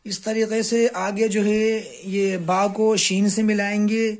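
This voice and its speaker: A male teacher giving a beginner language lesson, patiently explaining step by step and repeating each syllable slowly. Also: high voice, little pitch movement. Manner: explains step by step in plain, simple phrasing. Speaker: Urdu teacher.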